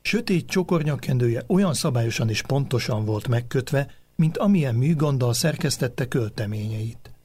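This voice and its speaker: A man reading a memoir aloud in a measured, reflective storytelling manner. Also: mid-range voice, lively intonation, a little mellow, breathy edge. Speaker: narrator.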